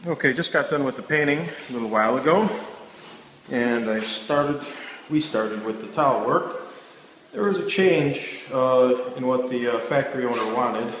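Filming on a handheld phone, a remodeling contractor with a Chicago accent narrates a casual walkthrough of a large unfinished factory bathroom. His medium-pitched, fairly bright voice explains the work in a plain, matter-of-fact way full of fillers, and the empty room echoes with slight background noise.

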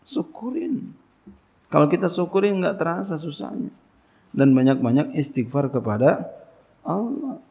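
Male preacher, gravelly, colloquial question-and-answer lecture, muffled low-fi audio. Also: expressive, normal speed, a little mellow. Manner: colloquial, call-and-response questions. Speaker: pesantren teacher. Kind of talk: casual religious lecture. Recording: dull lo-fi lecture recording.

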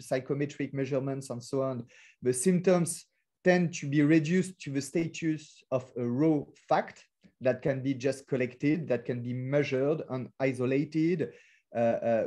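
A man's voice: medium pitch, mellow. A man with a French accent, a philosopher speaking in an academic webinar, with many hesitations and fillers and careful non-native English phrasing. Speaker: lecturer. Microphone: video call.

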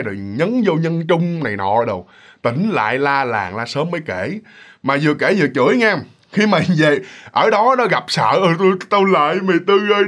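Man, southern vietnamese accent, high voice, casual animated ghost storytelling. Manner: animated, repetitive, addresses listeners directly.

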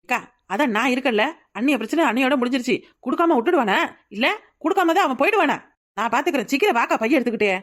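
A woman's voice: high-pitched, lively intonation, racing. A woman voicing a pushy young village neighbor in a cartoon, nagging and urging, with a Tirunelveli Tamil accent. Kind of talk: cartoon voice acting.

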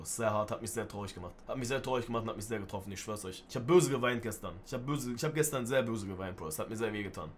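Fast-talking young man, earnest streamer. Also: medium pitch, a bit bright. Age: 20s. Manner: earnest, keeps calling viewers bro; heartfelt, preachy appeals to the audience. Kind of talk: emotional livestream monologue.

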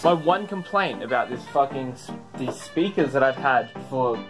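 A man's voice: mid-range voice, expressive, normal speed, over loud music. A man vlogging casually, swearing freely and mocking himself. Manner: profane, self-deprecating. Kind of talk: casual self-filmed vlog.

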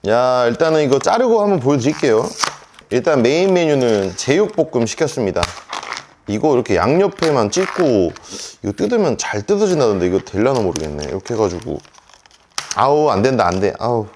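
Man in his 30s, mukbang vlogger, casual home chat, animated swooping voice, middle pitch. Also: a little fast, noisy background. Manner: chatty, talks to viewers while eating. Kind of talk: casual eating vlog chat.

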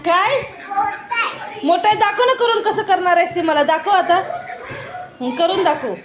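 A woman's voice: very high-pitched, unhurried. A woman filming a family vlog at a village home, coaxing and teasing a small child. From Maharashtra, India. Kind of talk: casual family vlog narration. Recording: busy family crowd behind.

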